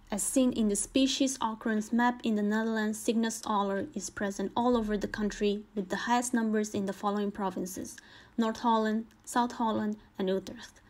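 A woman narrates a nature documentary at a middling pitch. She reads from a script in a formal, informative way, as a documentary narrator presenting facts. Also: darkish tone.

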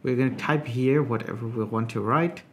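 Man, software reviewer, casual screen tutorial, relaxed, conversational, filler words. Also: mid-range voice, normal speed.

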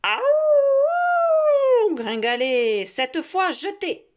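A woman's voice: extremely high pitch, animated, very slow, pitched above the performer's own voice, full character voice. A woman voicing a hungry, impatient, menacing male wolf, growling and howling, in a storybook reading to a toddler. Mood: howling, boastful.

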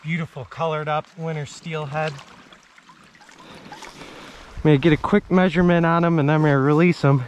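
Fly fishing by a winter creek, a young vlogger narrates casually to an action camera on his chest or at arm's length, his fairly high voice at a moderate pace with long pauses. Excitement leaves him breathless as he lands a fish, over faint sounds of flowing water.

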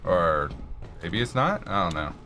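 A man's voice: low-pitched, big pitch swings, measured pace, pushed and bright, faint music behind. A man hosting casual gameplay commentary, chatty and thinking aloud as he plays. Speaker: gaming channel host.

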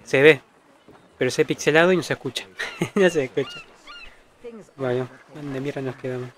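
A man's voice: medium pitch, moderate pace, fairly bright tone. A man with an Argentine accent giving casual let's-play commentary, chatty and teasing, with frequent swearing. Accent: Argentine Spanish. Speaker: gaming streamer.

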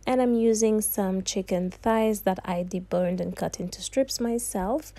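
Her voice sits in the mid range, dark in tone and a little slow. This young woman runs a cooking tutorial, sassily chatting her way through every step and calling the viewer honey and darling.

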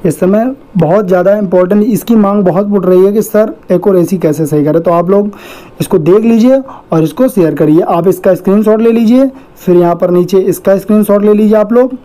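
A woman's voice: mid-range voice, a little fast, dark tone, low-quality recording. A woman teaching a Hindi shorthand lesson, going through words one by one and checking each point with the class. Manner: repeats "theek hai" after each point, patient and methodical. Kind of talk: explaining a lesson on screen.

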